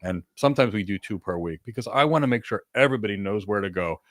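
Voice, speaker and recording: Here a man with a fairly low yet fairly bright voice talks fast while answering career questions as a co-host in a live webcam session. He gives earnest, brief instructions again and again from a home office lined with monitors, using a desk webcam on a video call, and the audio is studio quality with no echo.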